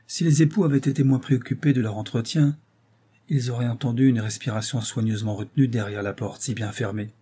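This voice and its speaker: Husky, dark-toned male narrator. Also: mid-range voice. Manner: steady, measured storytelling. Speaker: audiobook narrator. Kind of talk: scripted narration of a novel.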